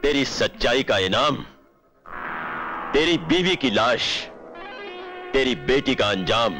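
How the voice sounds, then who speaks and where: An actor playing a cruel male drug-lord villain who talks slowly, gloats and threatens in a film scene. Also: mid-range voice, expressive, music in the background. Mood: gloating. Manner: slow, gloating and menacing. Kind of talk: Hindi film acting.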